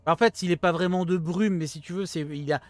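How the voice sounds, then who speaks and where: A man acting as game master, improvising narration and explaining the action in a halting way. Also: high voice, steady tone.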